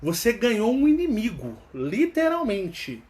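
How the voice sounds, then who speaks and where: A man's voice: high-pitched, wildly swooping pitch, unhurried, darkish tone. A man from Brazil with a Minas Gerais accent, hosting his channel in a casual, rambling monologue full of tag questions. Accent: Mineiro, Minas Gerais. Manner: acts out quoted dialogue animatedly. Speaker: channel host.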